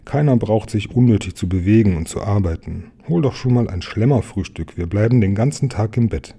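A man's voice: lowish voice, animated, brisk, warm tone, slightly rough. Man doing a coaxing little storybook pig. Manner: coaxing, sweet-talking. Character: lazy, cheerful little female pig.

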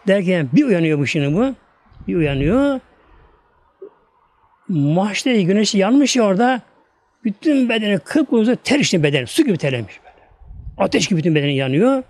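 A man's voice: high-pitched, expressive, a little fast, pauses often, darkish tone, dry recording. A male preacher telling a religious story in a sermon, fervent and repetitive as he repeats his phrases.

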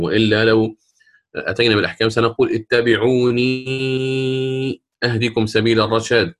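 A man teaching a lesson on Quran recitation, explaining a verse text in an unhurried way with many fillers, slowing down to recite verses. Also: medium pitch, fairly bright tone. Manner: unhurried, repeats points, slows to recite verses.

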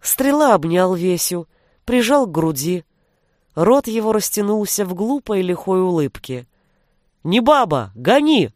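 A woman narrating a fantasy audiobook in an even storytelling voice. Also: on the low side, unhurried, no echo, studio quality.

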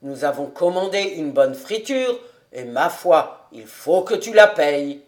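A merry, stout older man in a storybook reading, booming and teasing his friends, as a woman reader puts him on. He takes his words slowly. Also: very animated. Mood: boisterous.

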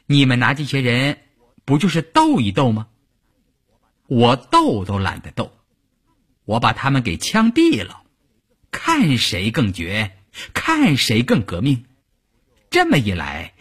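A ruthless female political commissar who lays out her cruel plans coldly and without hurry, performed by a male storyteller. The voice is husky and breathy, with sharp lifts in pitch. It's told as a traditional spoken story. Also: heavily acted. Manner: cold, slow, deliberate.

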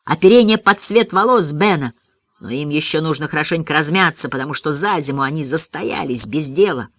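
A man narrates a first-person story in an expressive audiobook reading. His voice moves freely up and down with lively intonation. The recording is dry and close. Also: on the high side, brisk, no room sound.

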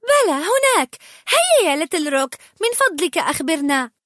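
A woman voicing an eager, excited young princess in a storybook, pleading and curious. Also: very high voice, normal speed, no room sound, clean studio sound, pitched above the performer's own voice, heavily acted.

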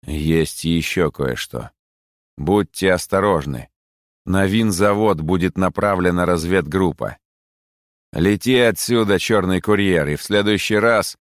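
A cold, deep-voiced robotic hawk admiral and secret traitor, played by a male narrator. He speaks slowly, with icy authority. The sound is dry and close. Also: dry recording.

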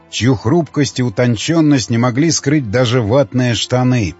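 Husky, expressive male audiobook narrator. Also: medium pitch, dull audio. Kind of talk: scripted narration.

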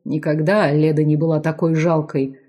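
A woman reading a dramatic audiobook narration in a measured, steady way. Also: low voice, husky. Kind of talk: scripted narration.

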